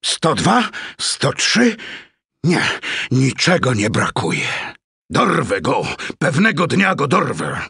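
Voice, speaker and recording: A man's voice: mid-range voice, huge pitch swings, slow, vocal fry, long pauses, bright, forceful tone, breathy edge, no echo, studio quality, heavily acted. An actor playing a greedy, vengeful man counting his coins in a video game dub, grumbling as he talks. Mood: grudging.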